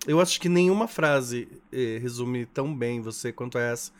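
A Brazilian man co-hosts a relaxed podcast chat in a medium-pitched voice. He jokes and teases his partner in an easy, conversational way. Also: normal speed, smooth. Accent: Brazilian Portuguese. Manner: playful, teasing. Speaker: podcast co-host. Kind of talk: casual chat.

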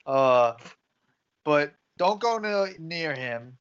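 A man's voice: fairly high pitch, animated, extremely slow, smooth. A man co-hosting a sports podcast in casual banter, talking like a blunt, swearing frat bro. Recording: muffled lo-fi audio.

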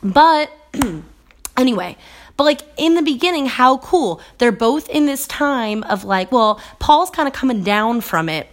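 A woman co-hosting a podcast, chatting casually in an animated, rambling way and laughing often. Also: high-pitched, measured pace. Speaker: podcast co-host. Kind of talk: casual chat.

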